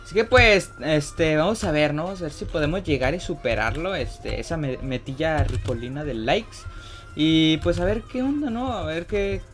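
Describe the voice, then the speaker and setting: A young man talks through a game in loose, chatty commentary, swearing freely. His voice sits a little high for a man. Faint music and keyboard clicks run under him. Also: lively intonation, moderate pace. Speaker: gaming YouTuber host. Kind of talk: casual gaming commentary.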